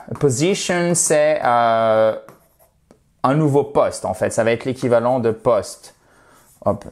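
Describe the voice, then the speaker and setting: Chatty man teaching a video lesson. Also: fairly high pitch. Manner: chatty and friendly, with playful asides; slows down and stresses words to show how they are said. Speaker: language teacher.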